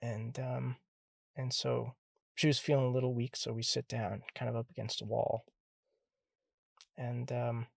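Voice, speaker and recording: Young man with a gravelly voice, halting. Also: mid-range voice, no echo, studio quality. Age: young adult. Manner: halting, stumbles and repeats words; candid and earnest. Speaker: interviewee recounting his college years. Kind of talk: personal storytelling.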